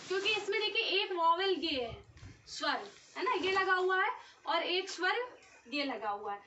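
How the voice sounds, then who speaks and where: A woman's voice: very high voice, sharp tone, slight background noise. A young woman teaching an exam-prep lesson, explaining step by step and checking in often with the class. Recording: dull, slightly distant recording.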